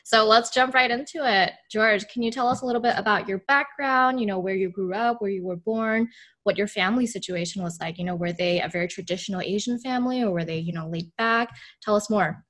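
A woman's voice: mid-range voice, fairly quick, fairly bright tone. A woman hosting an interview, asking her guest about his background with friendly, encouraging prompts. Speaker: interview host.

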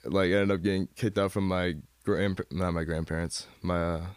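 A man's voice: sits low, steady tone, normal speed, clean tone, no echo. A young man from Michigan, a guest in a casual interview, talking in a rambling way with lots of fillers and restarts. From Michigan, USA. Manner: rambling, many fillers and self-corrections.

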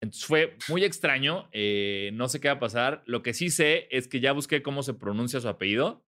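Casual Mexican podcast co-host. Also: male voice, medium pitch, lively intonation, normal speed, sharp tone. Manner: chatty, swears casually, apologetic asides. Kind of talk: casual sports chat.

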